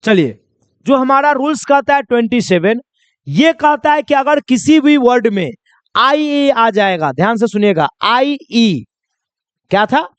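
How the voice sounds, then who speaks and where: A man teaching English pronunciation in a classroom-style lesson, asking questions and answering them himself, and slowly spelling out letters. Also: very high-pitched, very animated, clean tone, no echo. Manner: repetitive call-and-answer teaching, asking then answering his own questions; drawn-out slow spelling of letters.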